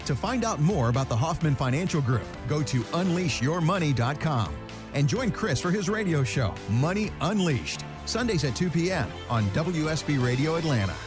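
A man's voice: fairly high pitch, sing-song, normal speed. A man announcing a scripted podcast outro over music. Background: music bed.

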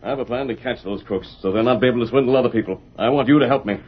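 A noble masked cowboy hero, acted by a man, earnest and commanding with a husky mid-range voice. The style is radio western drama, heard through a dull old recording. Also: mid-range voice, rapid-fire, lightly acted. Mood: firm, earnest.

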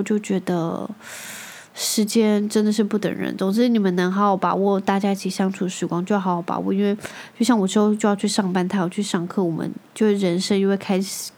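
A young woman hosts a relaxed podcast and chats about family life in an easy, unscripted way. Her voice sits at an ordinary middle pitch for a woman. She tells her stories with a chatty warmth and breaks into laughter often. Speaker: podcast host, mother of a young boy. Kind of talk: casual chat.

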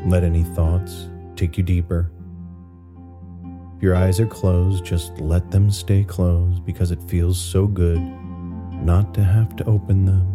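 Deep-voiced man, soothing sleep-story narrator. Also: little pitch movement, measured pace. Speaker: guided relaxation narrator. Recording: loud new-age guitar music bed. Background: new-age guitar music.

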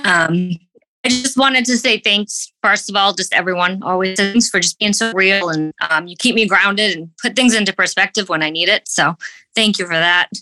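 A woman's voice: mid-range voice, normal speed, sharp tone, no room sound, low-quality recording. A woman from Massachusetts calling in to a show, asking a question in a hesitant way with many ums. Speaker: caller to a fitness show.

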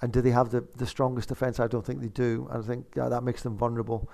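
A man's voice: mid-range voice, level tone, quick pace, vocal fry, warm tone. A man giving conversational football analysis as a pundit, hesitating and repeating words as he thinks.

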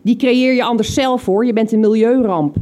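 A woman's voice: a little high, fairly quick, crowd noise, close to an everyday voice. A woman quoting a bossy, preachy teenage girlfriend in a snippy, lecturing tone.

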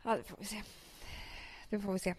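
A woman's voice: medium pitch, husky, no echo, studio quality. A woman in her thirties, co-hosting a casual chat with her sister and telling stories with lots of laughter. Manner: laughs often, animated storytelling. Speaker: podcast co-host.

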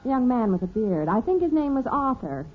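An actress playing a gentle, slightly anxious housewife and mother in a 1950s radio sitcom, speaking softly and hesitantly. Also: fairly high pitch, very animated, fairly quick, breathy edge, faint music behind. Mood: fretting. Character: gentle, fussy middle-aged housewife and mother. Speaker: mother of the family. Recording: tinny old radio transcription with faint hiss.

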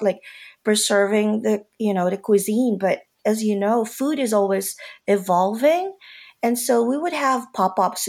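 A woman's voice: mid-range voice, gravelly, a little mellow. A woman from the Philippines, a food business owner answering interview questions in a chatty way with many "like" fillers. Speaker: Filipino caterer and pop-up owner.

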